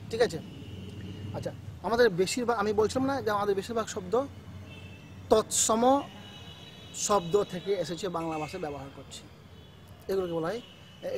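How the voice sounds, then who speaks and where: High-voiced male teacher. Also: slight background noise. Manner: explains step by step, checks in with "ঠিক আছে?". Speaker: school teacher. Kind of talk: classroom grammar lesson.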